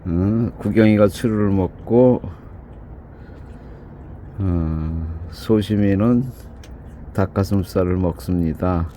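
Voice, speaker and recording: A man's voice: low-pitched, takes it slowly, long pauses, mellow, slight background noise. A man giving casual running commentary outdoors before dawn, chatting, scolding and cooing at animals in turn. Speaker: video host.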